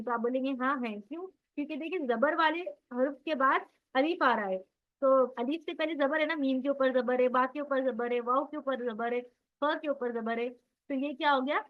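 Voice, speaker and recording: A woman's voice: high-pitched, moderate pace, phone-quality sound. A woman teaching Quran recitation in an online class, patiently drilling sounds and quizzing her students.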